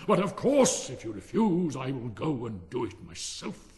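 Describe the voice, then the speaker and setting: A man's voice: mid-range voice, big pitch swings, a little mellow. A man voicing a pompous, bossy miller in a storybook, a self-satisfied false friend who preaches emphatically, with long reverb around him. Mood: loud, affronted. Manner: emphatic, preachy, drawn-out delivery. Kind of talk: storybook character voice. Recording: long reverberant hall sound.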